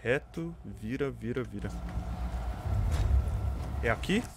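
A man's voice: medium pitch, expressive, slow, background noise. A young Brazilian man giving casual live commentary on a horror game, jumpy, exclaiming and swearing like a scared streamer. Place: indoor room, streaming webcam setup.

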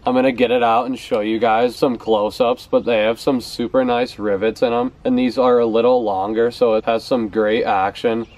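Showing off his favorite fishing baits, a young man talks casually to the camera from a house's back porch steps outdoors, repeating words often for emphasis. His medium-pitched, slightly mellow voice stays level, moving at a moderate pace with few pauses.

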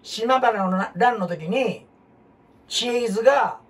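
A man with a Kansai accent, hosting a casual history talk as an animated storyteller who jumps between topics and asks rhetorical questions. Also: sits high, takes it slowly. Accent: Kansai Japanese. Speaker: host. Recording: husky voice from far off the mic.

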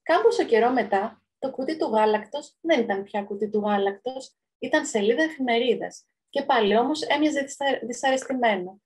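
A woman author reading her own children's story aloud, expressive and lively. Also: a little high, few pauses, slightly rough.

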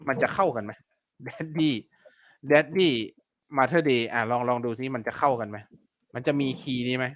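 Forceful chatty man teaching on a live stream. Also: medium pitch, quick pace. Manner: chatty, repeats words and fillers, polite particles. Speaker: online seller teaching keyword research. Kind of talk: casual live-stream lesson.

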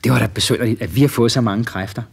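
A man's voice: mid-range voice, gravelly, breathy edge. A man doing a small proud plump fellow. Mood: puzzled. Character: small plump male creature, cheerful and proud.

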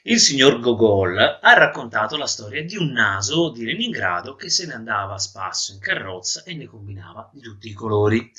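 A male storyteller reading a children's story with theatrical expression. His pitch moves a lot, and his voice sounds bright and forceful. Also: big pitch swings, moderate pace, hardly any pauses.

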